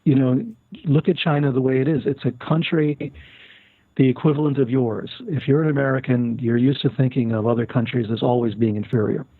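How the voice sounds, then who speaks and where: Husky older man on a tinny line. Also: medium pitch, steady tone, a little fast, dry recording. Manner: storytelling, many fillers and restarts. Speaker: guest. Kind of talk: casual interview talk. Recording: tinny phone-line sound.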